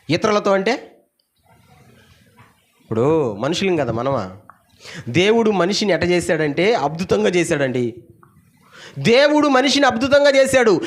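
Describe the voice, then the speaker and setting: Animated high-voiced preaching man. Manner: animated preaching, calls for congregation responses; swings between loud exclamations and low asides. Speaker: pastor. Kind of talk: Sunday sermon.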